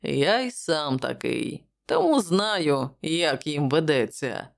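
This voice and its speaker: A woman's voice: deep voice, very animated, slow pace, vocal fry, full character voice. Woman doing a wry joking journalist. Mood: wry banter. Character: jovial male journalist, easy-going and wry.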